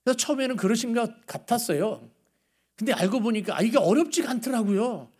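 A middle-aged man preaches a sermon in a notably high voice. He talks to his congregation in a relaxed, conversational way. He moves between stories and pointed rhetorical questions. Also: brisk, slightly rough. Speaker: pastor.

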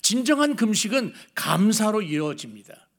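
High-voiced male pastor preaching conversationally. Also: big pitch swings, moderate pace. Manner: conversational preaching with anecdotes and rhetorical questions. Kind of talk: sermon.

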